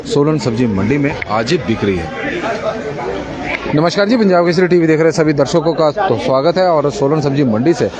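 A middle-aged man reporting live and unscripted, with halting, repetitive phrasing. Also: on the high side, lively intonation. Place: open-sided wholesale market at night. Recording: loud market crowd, outdoors.

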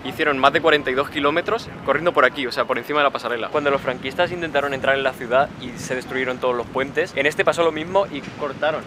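Filming himself at arm's length on a handheld camera, a travel vlogger in his twenties chats quickly to the lens, packing his narration with fillers. His voice is mid-range. He moves outdoors across a bridge, city streets and a coastal trail, with background noise throughout.

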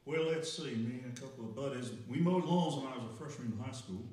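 A man's voice: mid-range voice, quick pace, darkish tone, close to an everyday voice. A young man playing [name] as a polite, bumbling army recruit who stammers, in a live radio-style comedy skit. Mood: nervous, polite. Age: young adult. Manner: stammering, drawling Elvis impression. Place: library room, live performance, indoors. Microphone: stand microphone, distant camera. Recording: echoey room from far off, music.

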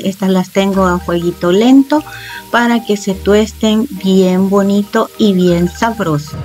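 Calm woman narrating a home cooking tutorial. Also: mid-range voice. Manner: calm, explanatory, uses loving diminutives. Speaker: cooking channel host. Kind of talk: step-by-step cooking tutorial voice-over. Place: home kitchen.

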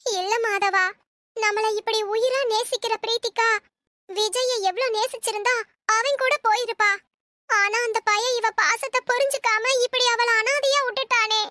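A woman's voice: very high voice, brisk, sharp tone, slight background noise. A woman voicing a worried, emotional middle-aged mother in a Tamil cartoon, pleading and tearful in how she talks. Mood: grieving.

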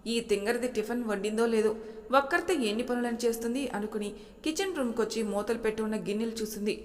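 A woman storyteller reading a family story aloud in a steady, even manner. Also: medium pitch, in a large hall. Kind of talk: scripted story narration.

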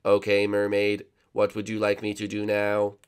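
A man plays a hypnotised dinosaur minion in a game. The delivery is flat, low and robotic. It sounds obedient and repeats itself. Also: normal speed, clean tone, close to an everyday voice.

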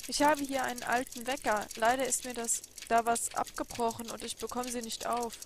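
A polite young male game hero, read out by a woman in a slightly raised, plain voice. A steady hiss of noise sits under the voice. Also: on the high side, normal speed, natural voice. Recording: audible background noise.

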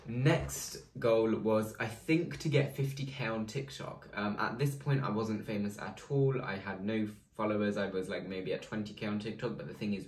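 A teenage boy, a vlogger, chatting casually with lots of ums and likes. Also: fairly low pitch. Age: teens. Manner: chatty, filler-heavy, lots of "um" and "like". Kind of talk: casual vlog talk. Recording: echoey room with faint noise.

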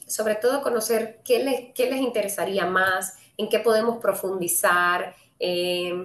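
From Cuba and speaking with a Cuban Spanish accent, this webinar host and trading speaker runs a live session, chatting with viewers in a friendly, direct way. She uses many "eh" fillers, her voice is mid-range, and the room sounds echoey.

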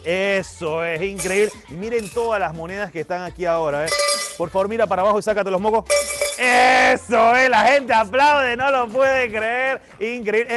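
A man with a Panamanian Spanish accent hosts a children's magic show, his voice sitting high for a man. He talks in a showy, playful patter and keeps calling for applause. Faint music plays under him. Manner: showy, playful, cheering on the audience. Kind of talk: live-streamed kids' magic show.

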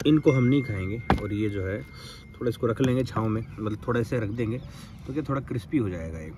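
A man's voice: on the low side, brisk, recorded from a distance. A young man casually chatting with friends and explaining each step as he cooks at a farm campsite. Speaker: vlogger cooking at a campsite. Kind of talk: casual cooking chat with friends. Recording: noisy outdoor phone recording.

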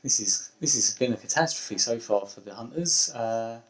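Over a low-quality recording, a young man with a mid-range, slightly bright voice talks at a moderate pace. He's streaming a game as a hunter, casually chatting and wryly muttering to himself during play.

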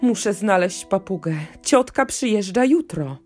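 A woman's voice: medium pitch, lively intonation, a little slow, darkish tone, faint music behind. A woman voicing a flustered, timid king who speaks hurriedly and anxiously, in a bedtime storybook reading.

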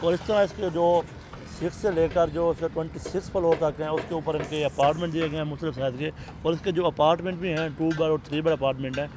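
A Pakistani Urdu-accented man with a fairly high voice walks through floors, rates and payment plans in a steady, businesslike way. He is standing outdoors on a lapel mic. Soft street sound and passing traffic sit faintly behind him. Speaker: property agent. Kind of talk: explaining details to an interviewer.

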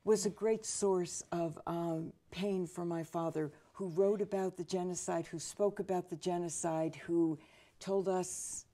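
Woman, 60s, minister as interview guest; measured and deliberate, fond of lists; lowish, warm tone; lapel mic in a studio. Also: steady tone. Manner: measured, slows for emphasis, builds lists. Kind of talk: reflective interview answers. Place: dark studio set, seated.

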